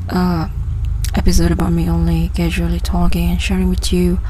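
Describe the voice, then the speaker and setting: A Malaysian woman in her twenties hosts a casual personal podcast, often hesitating and restarting her phrases. Her fairly low, mellow voice comes through a low-quality recording with a little hiss or hum.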